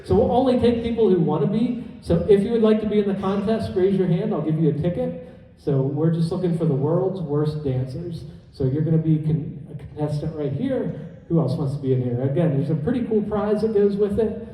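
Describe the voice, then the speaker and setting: Echoey high-pitched man emceeing a stage show. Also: a little fast, few pauses, mellow. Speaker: comedy hypnotist and show host. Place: indoor conference hall stage. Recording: echoey hall PA, heard from far off.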